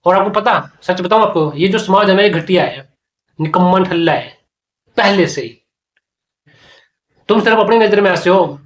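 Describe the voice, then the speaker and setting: A man's voice: high-pitched, fairly bright tone. A man giving a preachy, repetitive talk on life and meaning. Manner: preachy, repeats phrases often. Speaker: spiritual talk host. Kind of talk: casual spoken monologue.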